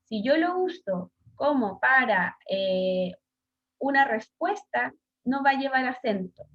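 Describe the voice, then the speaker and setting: Over dull, lo-fi video call audio, a Chilean-accented woman teaches her pupils online, hesitating with plenty of fillers and questions. She's a schoolteacher with a high, expressive voice, and she takes her time.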